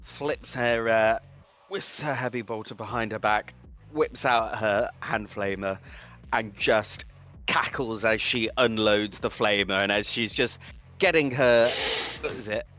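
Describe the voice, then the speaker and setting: A man playing a tabletop game, describing his character's actions with lively storytelling. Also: fairly low pitch, a little slow, soft background music. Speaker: player.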